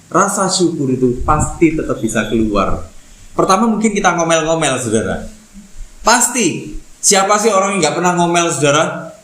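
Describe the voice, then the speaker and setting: A man's voice: a little high, a bit bright. A man preaching a conversational sermon, often asking the congregation rhetorical questions. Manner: asks the congregation rhetorical questions, addresses them as brothers and sisters. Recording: echoey room.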